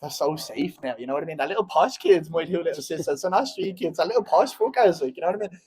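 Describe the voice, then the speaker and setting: A fast-talking Irish man in his twenties with a Dublin accent and a slightly high, animated, darkish voice. At a post-fight press conference he speaks bluntly and heatedly, rambling and often asking "you know what I mean."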